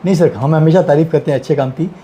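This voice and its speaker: A man's voice: on the high side, fast, mellow, slight background noise. A man co-hosting a gossip chat, agreeing readily and laughing along as he adds stories. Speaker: gossip show co-host. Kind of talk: casual chat.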